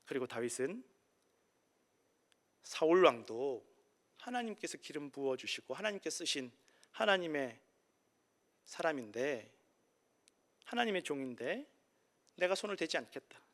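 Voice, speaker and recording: A man preaching a sermon as pastor, swinging between soft, quiet passages and loud, impassioned cries. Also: a little high, sing-song, unhurried, pauses often.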